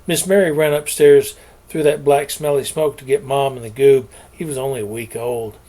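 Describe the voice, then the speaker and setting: A man's voice: mid-range voice, fairly even intonation, moderate pace, mellow. A middle-aged man, reading his own novel aloud and telling its backstory in a folksy way. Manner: folksy storytelling with homespun sayings. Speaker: author.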